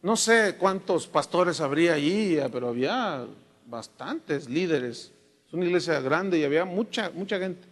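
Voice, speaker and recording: A Mexican man preaching a sermon as a pastor, telling humorous stories with lively asides in a church hall. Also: a little high, moderate pace. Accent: Mexican Spanish. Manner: storytelling, humorous, animated asides. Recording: echoey hall reverb.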